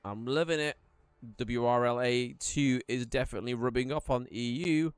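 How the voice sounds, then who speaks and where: A man casting a live esports match in a chatty, rambling play-by-play style that rises in excitement during fights. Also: mid-range voice, normal speed, clear, resonant tone, no echo. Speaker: esports caster. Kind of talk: live play-by-play game commentary.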